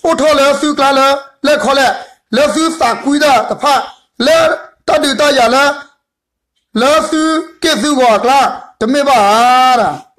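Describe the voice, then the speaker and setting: Guy w a really high voice doing bible study, rambly storytelling, repeats himself a lot. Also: unhurried, a bit bright.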